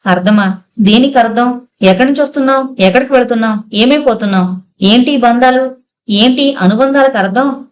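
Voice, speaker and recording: A woman's voice: a little high, fairly quick, natural voice. A woman voicing a distraught young woman who raves in bitter outbursts, in an audiobook story.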